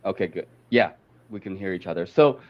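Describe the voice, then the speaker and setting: Man, low voice, hesitant with lots of fillers, dull lo-fi call audio. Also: animated. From Korea. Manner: halting, many fillers and restarts. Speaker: podcast guest. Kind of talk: casual chat over a call. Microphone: video call.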